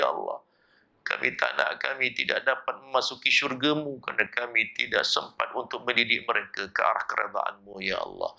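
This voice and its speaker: A man's voice: on the low side, gravelly, sharp tone. A man with a Malaysian Malay accent, a preacher in a mosque, closing his sermon with a fervent pleading prayer full of repeated refrains.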